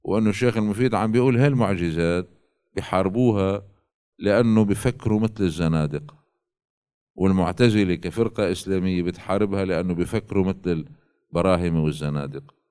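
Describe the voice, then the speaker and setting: A man giving a religious lecture, reading classical quotations slowly and explaining them in colloquial asides. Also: sits low, warm tone, clean tone. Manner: alternates slow quoted readings with colloquial asides.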